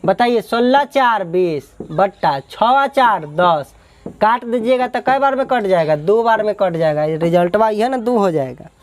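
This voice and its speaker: A man's voice: high-pitched, animated, moderate pace, slight background noise. A male math teacher from Bihar, taking students through exam questions step by step and cheering them on as his brave lions. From Bihar, India. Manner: addresses students as "my brave ones, my lions", drills and asks back. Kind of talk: exam-prep math lesson.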